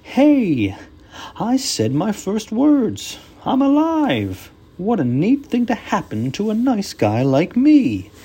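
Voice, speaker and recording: A jolly, playful snowman who has just come to life, as a reader puts him on. He speaks high, loud and drawn out, with a soft, husky edge and a mellow tone, and his delivery swings about widely. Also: wildly swooping pitch, takes it slowly, full character voice. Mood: delighted. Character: jolly newborn snowman, male, cheerful and playful. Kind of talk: storybook character voice.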